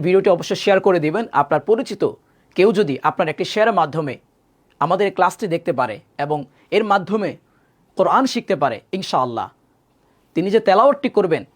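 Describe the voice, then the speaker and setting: A male Quran teacher giving a live online lesson. He sounds out Arabic letters loudly and repeatedly, then explains more quietly, asking viewers to repeat after him. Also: high-pitched, animated, fast. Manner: addresses viewers directly, asks them to repeat after him.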